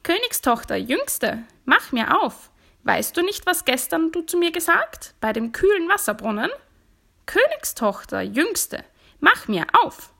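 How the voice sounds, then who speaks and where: A woman voicing a fat, ugly male frog from a fairy tale who pleads and bargains in a high, squeaky voice. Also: very animated, moderate pace, creaky, pushed and bright, full character voice. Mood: insistent.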